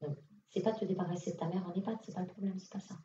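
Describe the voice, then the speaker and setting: A woman medium talks casually and directly to an audience member, with plenty of fillers. Her voice is mellow and sits in the middle of the range. She is picked up from afar, dull and roomy, in a conference hall. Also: lowish voice, fairly even intonation, very fast, a little hiss or hum. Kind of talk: public mediumship reading. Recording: echoey hall, distant lo-fi mic.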